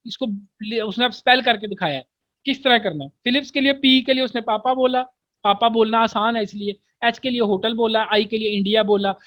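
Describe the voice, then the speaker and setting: A patient teacher in an online class lecture reads English lines slowly, then explains them in everyday Urdu, checking understanding often. The voice is medium-pitched and a bit bright, with no echo.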